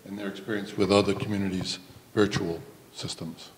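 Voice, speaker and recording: A man, a board member, speaking in a measured, reflective way with frequent fillers at a public meeting. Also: sits low, flat delivery. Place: large meeting room. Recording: long reverb, faint ambient noise.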